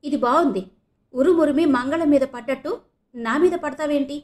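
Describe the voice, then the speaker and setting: A woman voicing a calm middle-aged father trying to soothe his angry wife in an audio novel reading. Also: high voice, pitched above the performer's own voice, lightly acted. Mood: placating. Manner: placating, hurried.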